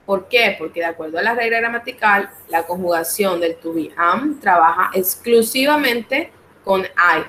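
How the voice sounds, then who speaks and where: A woman's voice: medium pitch, animated, sharp tone, roomy sound, a little hiss or hum, rough recording. Colombian woman teaching English online. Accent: Colombian Spanish. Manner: explains in Spanish, slows down to model English phrases. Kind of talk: online class lecture.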